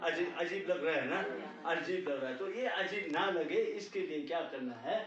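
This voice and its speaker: A male language teacher gives a patient classroom lesson, often repeating "ठीक है" and checking that students understand. His voice is on the high side, moderately paced and fairly bright, but the recording sounds dull and distant, with an echoey room and a far-off mic.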